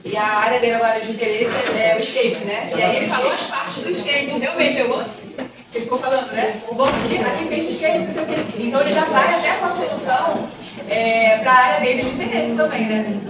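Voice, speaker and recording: A woman in the audience adding a soft, casual comment with frequent tag questions. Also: a little high, brisk. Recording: echoey room, far from the mic, crowd around.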